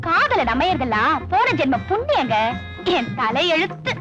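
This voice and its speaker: A pouty young woman from an old film, with a very high voice and a scolding, sharp tongue. Clear film music plays under her lines. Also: sing-song, normal speed. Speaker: daughter and girlfriend. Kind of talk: 1980s film dialogue.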